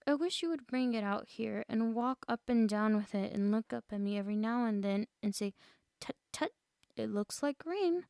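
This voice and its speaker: A woman's voice: fairly high pitch, lively intonation, moderate pace, vocal fry, darkish tone, clean tone, dry recording, studio quality. A woman voicing a fond, silly, earnest storybook bear who muses anxiously. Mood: anxious, conspiratorial. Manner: earnest, thoughtful musing. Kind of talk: storybook character voice.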